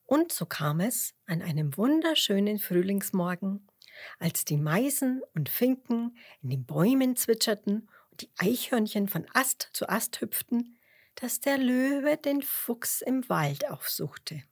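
Slow, expressive woman reading a children's story. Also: mid-range voice, dry recording, studio quality. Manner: expressive, slow, partly whispered.

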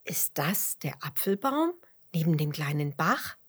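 A curious little adventurer calls out friendly greetings in a lively, lifting voice, as a woman reads him. He is eager and helpful, a warm storybook friend. The tone is slightly breathy and unhurried. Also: low voice, heavily acted. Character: curious friendly young adventurer named Fitus.

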